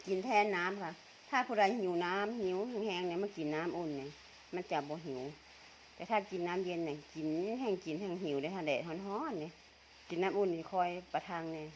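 This vlogger's voice sits lowish and brisk, with the highs cut off and a faint hiss or hum. She has a northeastern Thai Isan accent, Tai Yo, and teases and chats casually over her food, laughing a lot.

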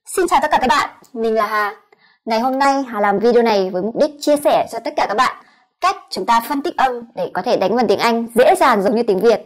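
A woman with a Vietnamese accent teaching a pronunciation lesson, sounding out each sound slowly and repeating it. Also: a little high, animated. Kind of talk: explanatory lesson.

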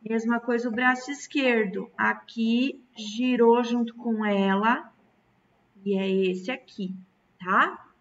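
A woman's voice: a little high, steady tone, takes it slowly, fairly bright tone. A Brazilian woman teaching a recorded lesson to children, patient and stretching out key words. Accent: Brazilian Portuguese. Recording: distant, dull lo-fi mic.

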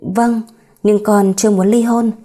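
A woman's voice: medium pitch, fairly even intonation, a little slow, warm tone, faint music behind, natural voice. A woman voicing a remorseful young husband in an audiobook story, emotional and pleading. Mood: defiant.

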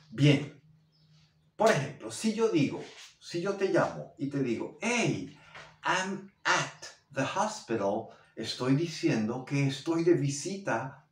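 A man teaching English pronunciation to Spanish speakers, drilling words by repetition in an animated way. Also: medium pitch, a little hiss or hum. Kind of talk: language lesson. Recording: roomy echo, somewhat far from mic.

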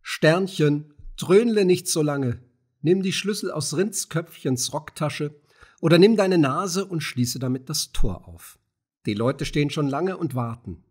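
A man's voice: mid-range voice, lively intonation, measured pace, few pauses, slightly rough. A man voicing a sneering court jester with a nasal, drawling voice, in an audiobook reading. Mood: mocking. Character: mocking male court jester.

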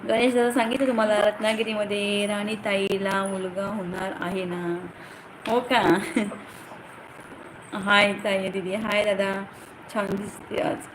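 A woman's voice: medium pitch, little pitch movement, a little slow, long pauses. Chatty woman streaming live from home. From Ratnagiri, Konkan, India. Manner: chatty, greets viewers by name, calls to her children. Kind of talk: casual live-stream chat reading comments. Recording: echoey phone recording with loud background noise.

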